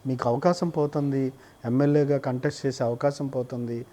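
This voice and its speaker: Dark-voiced probing male interviewer. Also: medium pitch, steady tone, a little fast. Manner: probing, many short acknowledgements. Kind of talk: interview questions.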